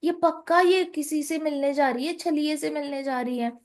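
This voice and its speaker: A sharp-tongued young sister-in-law from a storybook tale, put on by a woman narrator. Her voice sits high and shrill. She keeps pressing accusing questions with indignant suspicion. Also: fairly even intonation, moderate pace. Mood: suspicious, indignant.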